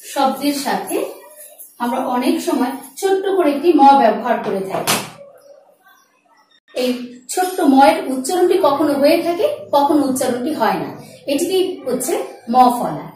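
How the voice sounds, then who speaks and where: Woman teacher with a high voice, spelling out words slowly in a pronunciation class. Recorded in a strongly echoing room, well off the mic. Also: sing-song, a little mellow, slight background noise. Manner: slow, drawn-out demonstration of words; addresses students as friends. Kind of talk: pronunciation lesson. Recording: very echoey, from far off the mic.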